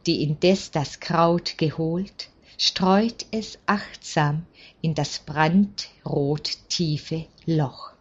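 A woman reading a story aloud in a calm, measured way. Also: sits low, breathy edge. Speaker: story reader. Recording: dull lo-fi recording.

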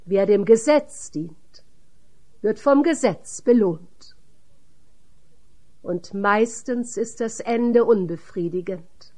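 A woman reading the part of Jesus as a calm, solemn teacher in a measured audiobook voice. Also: medium pitch.

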